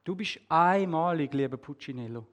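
A man voicing a kind old male woodcarver who speaks slowly and reassuringly. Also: fairly high pitch, expressive, big-room sound, lightly acted. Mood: tender. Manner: slow, gentle, reassuring.

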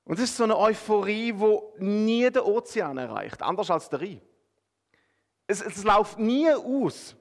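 A man with a Swiss German accent preaching a sermon, talking straight to his listeners and swinging between emphatic, rising phrases and hushed, drawn-out ones. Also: sits high, expressive. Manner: addresses listeners directly with a conversational "oder?".

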